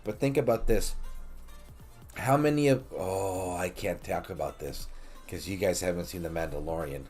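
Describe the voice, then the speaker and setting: A man's voice: low-pitched, moderate pace, a little mellow, soft background music. A man hosting a late-night game stream, chatting loosely and joking with viewers, swearing freely. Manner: loose, profane and joking, talks to viewers as buddy. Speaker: livestream host. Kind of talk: casual late-night gaming stream chat.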